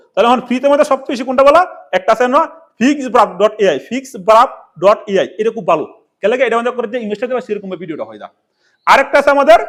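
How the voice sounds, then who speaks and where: A man's voice: high voice, a bit bright. A man giving a casual, rambling tutorial, often asking questions and answering them himself. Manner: rambling, repetitive, asks and answers his own questions. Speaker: tech tutorial presenter.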